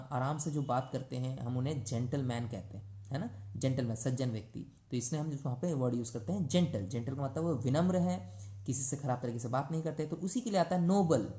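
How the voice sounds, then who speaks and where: A man's voice: a little high, mellow, echoey room. A male teacher giving a classroom lesson on vocabulary, patiently repeating words and spelling them letter by letter, switching between Hindi and English.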